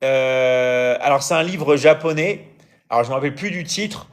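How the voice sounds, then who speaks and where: A man's voice: mid-range voice, moderate pace. Hesitant man chatting live with viewers. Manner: hesitant, frequent fillers and restarts, keeps checking in with the audience. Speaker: live-stream host and coach. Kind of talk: casual live chat answering viewer comments.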